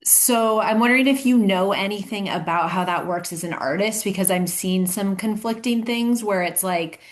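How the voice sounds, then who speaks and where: A woman's voice: mid-range voice, normal speed. Hesitant woman asking a question. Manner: hesitant, searching for words. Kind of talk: casual group video call.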